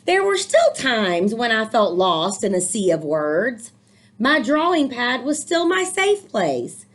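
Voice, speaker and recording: A fairly high-pitched woman reads slowly and with great animation from a children's picture book. She weaves in encouraging asides that explain the story.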